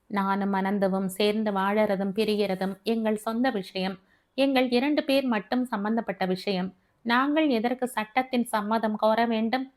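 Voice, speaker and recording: A woman's voice: a little high, lightly acted. A woman reading the part of a frank, self-possessed divorced woman who speaks candidly, as audiobook dialogue.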